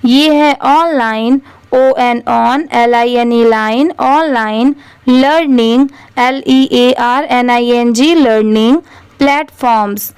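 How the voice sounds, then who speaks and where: A woman's voice: fairly high pitch, slow pace, a little mellow, clean tone, no echo. A woman teaching English reading, spelling each word out letter by letter and then saying it whole. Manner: spells words letter by letter, then repeats them. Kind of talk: slow spelling-out reading lesson.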